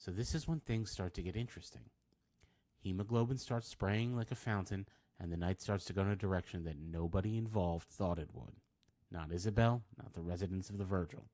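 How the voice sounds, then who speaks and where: A man's voice: low-pitched, a little fast, warm tone. A man reading a scripted film review, with wry, dry asides.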